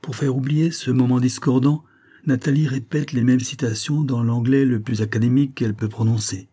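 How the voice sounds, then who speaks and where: Mellow, husky male audiobook narrator. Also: mid-range voice, steady tone, moderate pace. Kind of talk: scripted narration.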